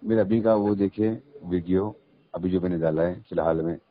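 A man with a lowish voice speaks over a muffled phone line. He talks very fast. He earnestly makes long explanations in formal, religious vocabulary. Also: breathy edge. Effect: heard over a phone line. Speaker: online video maker taking a call. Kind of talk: casual phone conversation. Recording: muffled phone call recording.

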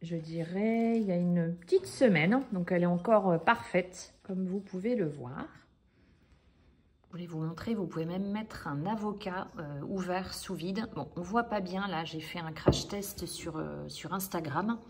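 A woman's voice: fairly low pitch, a little slow, darkish tone. Chatty woman demoing in her kitchen. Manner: chatty, hesitant with frequent fillers. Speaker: cooking vlogger demonstrating a product. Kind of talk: casual product demonstration. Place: home kitchen, indoors.

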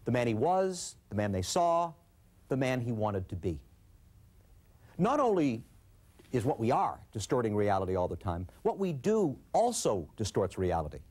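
Animated male management lecturer. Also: medium pitch, moderate pace. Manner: animated storyteller. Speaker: management course instructor. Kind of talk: scripted lecture with storytelling.

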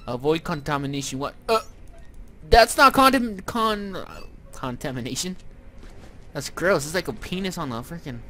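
A man's voice: on the high side, expressive, normal speed, a bit bright, a little hiss or hum. A young man giving let's-play commentary on a horror game, jumpy and swearing, with nervous laughs. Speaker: gamer playing a horror game. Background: game music.

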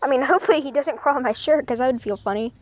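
A woman's voice: sits high, very fast. A young woman rambling and hesitating as she films outdoors on a handheld phone. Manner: rambling, hesitant, full of "like" and "I mean". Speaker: nature vlogger. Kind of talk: casual outdoor vlog. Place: outdoors in a backyard. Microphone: handheld phone camera. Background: birds chirping faintly.

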